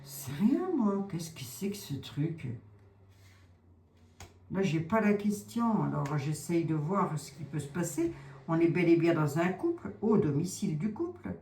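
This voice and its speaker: A woman's voice: fairly low pitch, very animated, normal speed, dark tone. A woman giving a casual psychic card reading, musing aloud, hesitating and repeating herself as she goes. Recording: echoey room with faint ambient noise.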